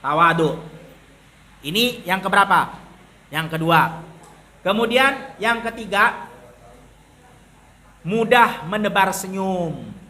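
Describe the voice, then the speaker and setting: A man's voice: sits high, expressive, takes it slowly, long pauses, pushed and bright. A man preaching a sermon in a colloquial way, firing rhetorical questions at the audience and answering them himself. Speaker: Islamic preacher.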